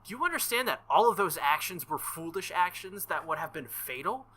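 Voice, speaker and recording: A man's voice: high voice, sing-song, fairly quick, pushed and bright, breathy edge, full character voice. Man voicing Saber, a stern, earnest young woman knight. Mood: stern, scolding. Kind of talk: visual novel dialogue read aloud.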